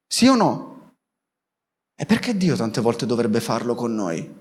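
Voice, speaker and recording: A man preaching a sermon as pastor, lively and quick to put questions to his congregation. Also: medium pitch, husky, big-room sound.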